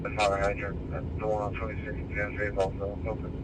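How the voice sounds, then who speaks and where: A man's voice: on the low side, monotone, fast. A man speaking over a police scanner radio, using clipped radio codes and calling others sir. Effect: heard over a police scanner radio. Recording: distant scanner radio with noise.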